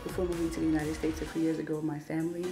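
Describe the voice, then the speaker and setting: A young woman from Cameroon thanks her sponsors as a scholarship recipient. Her voice sits low, and she sounds earnest with a touch of hesitancy. Music plays clearly behind her. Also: little pitch movement, racing. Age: young adult. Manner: earnest, with some hesitant ums. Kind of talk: recorded thank-you message.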